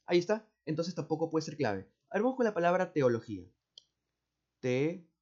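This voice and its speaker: A man with a Peruvian accent explains exam answers step by step, speaking slowly, repeating words and often checking with "¿no?" or "¿cierto?". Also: on the high side, big pitch swings, darkish tone. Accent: Peruvian Spanish. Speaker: teacher. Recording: dull, muffled audio.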